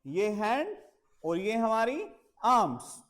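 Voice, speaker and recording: A man with a high, slightly bright voice speaks slowly and with lots of animation. He's a teacher giving a children's English lesson, patiently repeating words and spelling them out letter by letter while mixing Hindi with simple English phrases.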